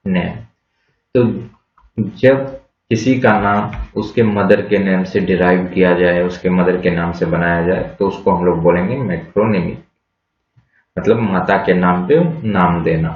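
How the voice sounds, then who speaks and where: This is a man teaching English vocabulary, his fairly low voice slow and patient as he spells each word letter by letter. He quizzes the class but supplies the answers himself. The sound is lo-fi and muffled, with an echoey room around him.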